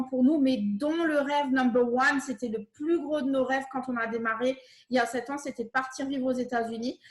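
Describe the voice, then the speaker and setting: A woman's voice: high-pitched, reverberant. A woman with an Alsatian accent from France, giving an enthusiastic, laughing talk as a guest trainer on a video call.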